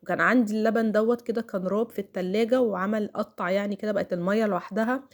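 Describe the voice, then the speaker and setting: Racing along in a steady, medium-pitched voice, a middle-aged home vlogger with an Egyptian Arabic accent provides casual narration for her home routine video. She chats straight to her audience, with plenty of filler words.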